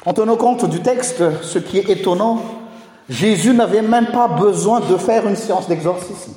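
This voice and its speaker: High-voiced man preaching in an echoing hall. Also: moderate pace, warm tone. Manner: teaching, rhetorical, addresses the congregation. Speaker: pastor. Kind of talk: sermon. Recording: echoey hall with long reverb.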